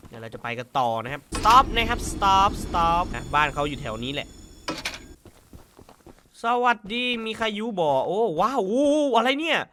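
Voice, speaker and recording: Excitable high-voiced young gaming man. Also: unhurried, slight background noise. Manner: excitable, yelps and shouts in panic. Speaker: gaming YouTuber. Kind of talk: let's-play commentary. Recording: game music behind.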